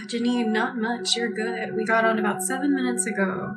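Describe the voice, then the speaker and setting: Soft-spoken woman hosting a reiki live stream. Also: fairly high pitch, distant mic. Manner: soft-spoken, thanks viewers by name, gentle and soothing. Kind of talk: casual live-stream chat with viewers. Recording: music playing behind, voice a bit off-mic.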